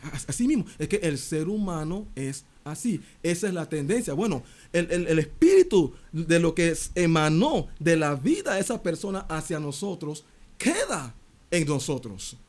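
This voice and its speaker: A man preaches a sermon in an animated, expressive way, retelling a parable with quoted voices and asking the listener direct questions. His voice is a little high and his pace moderate.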